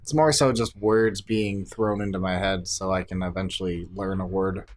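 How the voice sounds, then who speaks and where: A man's voice: low voice, fairly even intonation, normal speed. A young man co-hosting a podcast, joking around and laughing easily in casual chat. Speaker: podcast co-host. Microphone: podcast microphone.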